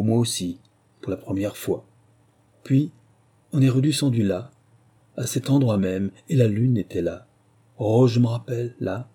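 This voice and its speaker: A man's voice: mid-range voice, breathy edge. A man reading aloud voices a tender middle-aged mother who hesitantly confides a long-kept secret. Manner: soft-spoken, hesitant and confiding. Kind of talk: audiobook reading.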